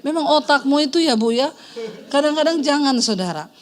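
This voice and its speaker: Sitting high, her voice is animated and brisk. She is a middle-aged pastor with an Indonesian accent, preaching a sermon built on a personal testimony, in which she performs the voices of the story and calls the congregation "Saudara."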